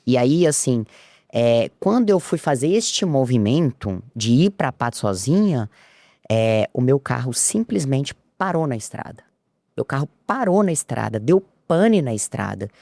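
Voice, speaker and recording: A woman's voice: very animated, measured pace, warm tone, no room sound, clean studio sound. A woman, a podcast guest telling a personal story and acting out the dialogue. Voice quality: low voice. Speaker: interview guest.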